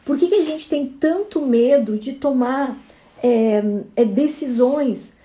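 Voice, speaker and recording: A woman's voice: sits high, slow pace, warm tone. Woman telling a parable. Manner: conversational, addresses listeners as "gente". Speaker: motivational speaker.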